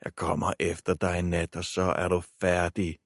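A man reading an audiobook, voicing a boy who disguises his voice to sound hoarse and menacing on a prank call. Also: sits low, monotone, no echo, studio quality. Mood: growling threat. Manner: hushed, hoarse, growling, menacing. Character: prank-calling schoolboy faking a menacing voice.

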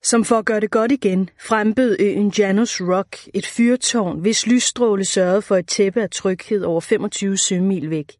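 A woman with a medium-pitched voice narrates an audiobook in a measured, even reading. The recording is dry, with clean studio sound.

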